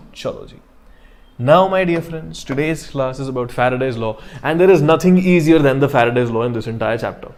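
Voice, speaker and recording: Young male teacher, North Indian accent, medium pitch, informal and encouraging, talking straight to students. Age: young adult. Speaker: online chemistry teacher. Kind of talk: conversational lecture to students, mixing English and Hindi. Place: indoor studio in front of a digital board.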